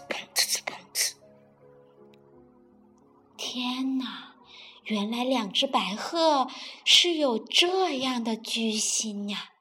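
A woman narrating a children's storybook in a gentle, drawn-out storytelling manner. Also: on the high side. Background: faint music.

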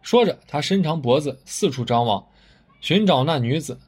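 Expressive male storyteller reading a tale. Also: fairly high pitch, moderate pace, breathy edge. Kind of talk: scripted story narration.

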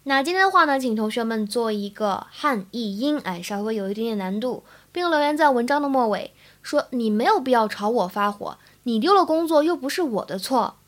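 Young woman teacher, kinda high voice, upbeat, breaks down pronunciation bit by bit. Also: animated, fairly quick, few pauses. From China. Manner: upbeat, explains pronunciation step by step. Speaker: English teacher. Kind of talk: podcast-style English lesson.

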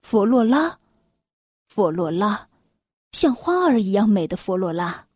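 A woman's voice: mid-range voice, animated, a little slow, a little mellow, slightly rough, no room sound, clean studio sound. A woman voicing an earnest, lovestruck young prince in a children's story, speaking with a heartfelt delivery. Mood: dreamy.

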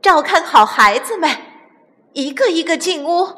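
A woman's voice: on the high side, very animated, measured pace, breathy edge, voice pushed up, full character voice. A woman as a wise mother hen. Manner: explaining, reassuring. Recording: long reverb.

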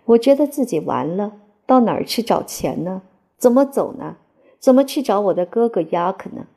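Husky, mellow woman reading a novel. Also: medium pitch. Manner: measured, expressive first-person reading. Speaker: audiobook narrator. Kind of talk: literary audiobook narration.

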